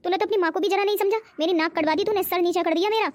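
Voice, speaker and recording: A woman's voice: fairly even intonation, rapid-fire. A woman voicing an older, fretful widowed mother-in-law in a cartoon, scolding and fussing. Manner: high-pitched, scolding and fussing. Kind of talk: cartoon voice acting.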